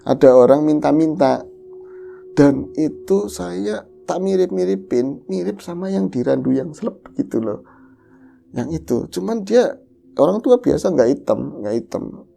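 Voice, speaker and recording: A woman host retelling a listener's ghost story in the first person, lively and animated, acting out the quoted voices. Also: deep voice, unhurried, vocal fry, faint music behind. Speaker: horror story podcast host.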